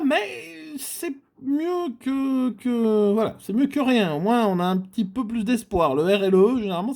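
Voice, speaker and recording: A man's voice: high-pitched, darkish tone. Man muttering over scratch cards. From France. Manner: mutters, repeats letters aloud, frequent filler sounds. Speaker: scratch-card channel host. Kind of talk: casual running commentary while scratching tickets.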